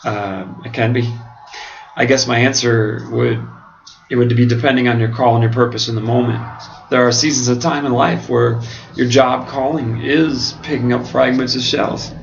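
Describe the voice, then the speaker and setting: An American man speaking earnestly and haltingly in a reflective monologue, his mouth swollen after oral surgery as if numb from the dentist. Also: medium pitch, fairly even intonation, soft background music. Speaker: pastor and seminary student. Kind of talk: reflective monologue to camera, answering questions. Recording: dull lo-fi home video, clearly noisy.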